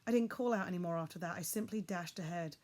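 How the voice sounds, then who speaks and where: Expressive woman reading a children's story. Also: fairly low pitch, fast talker. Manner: expressive, builds suspense. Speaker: audiobook reader. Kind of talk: reading a children's novel aloud.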